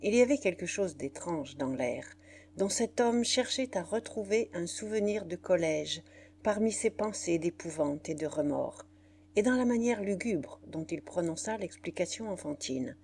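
A woman narrating a classic novel as an audiobook with an expressive, varied delivery. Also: fairly low pitch, moderate pace, a little hiss or hum.

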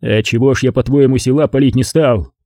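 A man voicing a gruff middle-aged male partisan commander who grumbles and gives orders in an audiobook. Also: medium pitch, steady tone, a little fast, dark tone, no room sound, studio quality, natural voice. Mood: gruff commanding.

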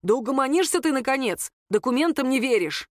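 A woman's voice: sits high, animated, brisk, no room sound, clean studio sound, pitched above the performer's own voice. A woman voicing an irritable young man who complains in an exasperated way.

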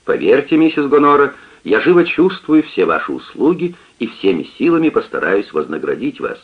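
Guy playing a frantic young gentleman, pleading, husky, tinny radio sound. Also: mid-range voice, sing-song, normal speed, voice pushed up. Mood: relieved. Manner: urgent, pleading. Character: agitated young gentleman in love.

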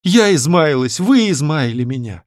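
Male narrator doing a young woman, distressed, high and strained, pleading, storybook reading. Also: sing-song, normal speed, dry recording, studio quality. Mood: weary pleading. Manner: raised, tearful high-pitched pleading.

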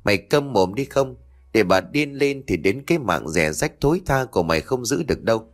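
A man voicing a cruel, abusive middle-aged rich woman who shouts insults at her servants. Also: medium pitch, very animated, brisk. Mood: furious.

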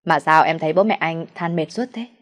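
A woman's voice: low-pitched, brisk, natural voice. A woman reading the lines of a suspicious, haughty young wife in an audio story.

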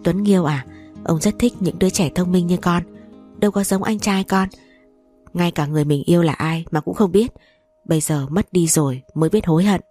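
A grumbling, stern old grandfather from an audio story, read aloud by a woman. The voice sits low and mellow, a little husky, recorded close and dry. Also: fairly quick, soft background music, close to an everyday voice. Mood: grumpy. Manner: grumbling, scolding.

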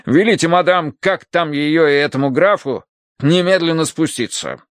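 A man voicing a gruff, irritable old Victorian colonel who barks orders in an audiobook. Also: fairly high pitch, moderate pace, dry recording, studio quality, pitched above the performer's own voice, lightly acted. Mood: gruff, barking. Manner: barking, grumbling.

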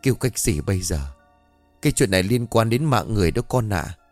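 A man's voice: fairly low pitch, animated, brisk, no echo, soft background music. A man voicing a stern middle-aged mother who scolds her daughter bluntly and sharply.

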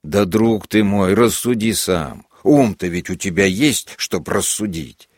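A man voicing a cruel army lieutenant who speaks with syrupy, sanctimonious mock kindness and shouts gleefully at a flogging. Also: deep voice, measured pace, dry recording, clean studio sound. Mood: mock-gentle. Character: sadistic mock-kindly male army lieutenant.

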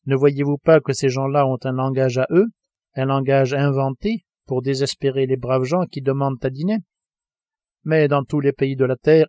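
A man voicing a hot-tempered adult harpooner who shouts his indignation in outbursts. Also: mid-range voice, dry recording, lightly acted.

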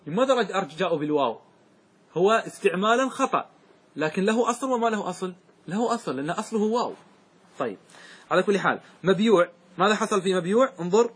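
A man teaching Arabic grammar as a sheikh, walking his class through word forms step by step and asking often whether it is clear. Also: high voice. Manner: keeps checking that students follow, asking if it is clear; slows and repeats words to stress their forms.

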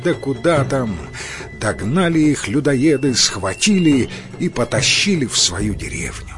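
A man reading a fairy tale aloud in a dramatic, expressive storytelling voice. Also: medium pitch. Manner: dramatic, lively.

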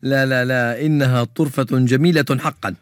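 A calm, knowledgeable science buff from a children's radio drama, voiced by a man. He explains things steadily in a mid-range voice, recorded close and dry. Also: medium pitch, normal speed, smooth, no room sound, lightly acted. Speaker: science expert character in a radio show.

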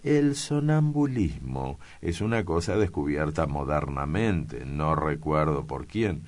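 A man's voice: rumbling low, very animated, takes it slowly, darkish tone, full character voice. A man voicing a timid old male secretary who speaks in ornate, obsequious phrases. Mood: fussy.

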